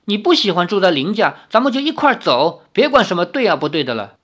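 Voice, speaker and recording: A reader voicing an impulsive, blunt young swordsman in an audiobook of a novel, quick to anger and to plead. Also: medium pitch, sing-song, a bit bright, pitched above the performer's own voice. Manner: hot-headed and blunt, pleading when worried. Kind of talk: audiobook reading.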